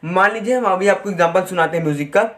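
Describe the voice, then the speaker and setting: A man teaching a physics lesson online, chatting with students and reading textbook lines out slowly. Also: sits high, fairly bright tone. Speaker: physics tutor.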